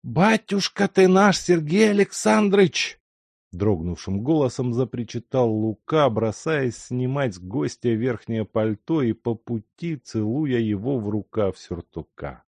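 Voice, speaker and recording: A man's voice: fairly low pitch, lively intonation, a little slow, few pauses, dark tone, no echo, studio quality. A man voicing an old male servant who rambles on in tearful, chattering bursts. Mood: overjoyed.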